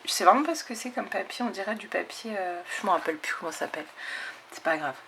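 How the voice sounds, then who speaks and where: A woman's voice: mid-range voice, lively intonation, fast talker, gravelly, fairly bright tone, a little hiss or hum. A woman, eagerly showing scrapbooking crafts in a casual chat with her viewers. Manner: enthusiastic, chatty, lots of fillers and "hop". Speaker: scrapbooking channel host. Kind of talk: casual show-and-tell of craft mail.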